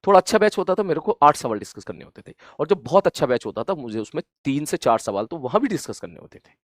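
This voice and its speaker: A man teaching students in an earnest, gently scolding motivational talk, repeating points for emphasis and rising loud and high when he urges them on. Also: big pitch swings, quick pace, no echo, clean studio sound. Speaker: coaching teacher.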